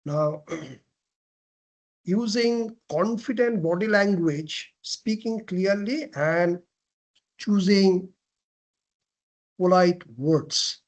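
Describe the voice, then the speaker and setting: A man giving a classroom lecture on presentation skills, asking questions and answering them himself, often clearing his throat and restarting phrases. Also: high-pitched, extremely slow, long pauses. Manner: frequent throat clearing and self-corrections.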